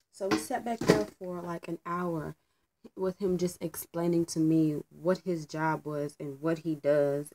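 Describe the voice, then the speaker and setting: A young adult woman vlogs a casual storytime about work while doing her hair at home, candid, chatty, and full of ums. Her voice is lowish and a little mellow, but the audio is poor.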